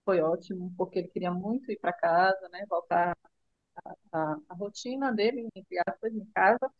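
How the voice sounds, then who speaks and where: A middle-aged woman with a Brazilian Portuguese accent, telling her son's illness story in a tender, halting way with many restarts. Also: mid-range voice, no room sound, muffled recording. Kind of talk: emotional personal storytelling.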